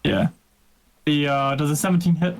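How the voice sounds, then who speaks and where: A man playing in a tabletop game, chatting casually and pausing to check rules and tally damage. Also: on the high side, steady tone, rough recording. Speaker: player.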